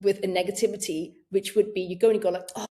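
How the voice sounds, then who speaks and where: Middle-aged woman coach, super animated, keeps doing little voices of her own thoughts. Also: mid-range voice, quick pace. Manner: animated, acts out inner voices. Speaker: menopause coach. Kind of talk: interview answers.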